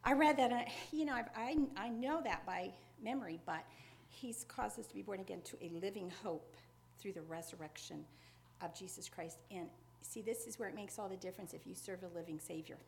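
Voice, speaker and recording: A woman, a pastor's wife, speaking earnestly and conversationally to her congregation in an informal sermon mixed with personal testimony, often pausing on fillers and soft laughs. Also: mid-range voice, vocal fry, slight background noise.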